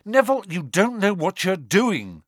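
A man's voice: high-pitched, big pitch swings, normal speed, no room sound, studio quality, voice pushed up. A man voicing a blunt schoolboy who sounds exasperated.

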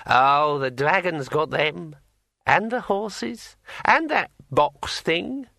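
A man voicing a pushy talking magic sword in a high, ringing, drawn-out voice. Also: animated, vocal fry, bright, forceful tone, dry recording, studio quality, heavily acted. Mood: bossy. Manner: slow and drawn out.

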